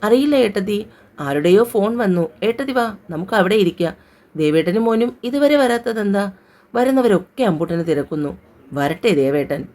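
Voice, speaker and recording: A woman's voice: medium pitch, expressive, brisk, warm tone, close to an everyday voice. A woman voicing a puzzled young sister-in-law in an audio story.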